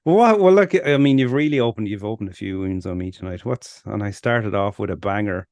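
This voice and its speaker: A rambling Irish man with a lowish voice, swearing and laughing his way through a casual podcast chat. The recording is close and dry, with no room sound around him. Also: animated, a little fast, a little mellow, dry recording. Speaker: podcast co-host.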